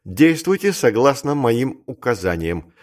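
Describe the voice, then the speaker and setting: A man's voice: mid-range voice, sing-song, a little mellow. A man reading as a reckless commanding clerk. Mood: grim, commanding. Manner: commanding and brisk. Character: bold reckless male clerk and gambler. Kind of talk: audiobook character reading.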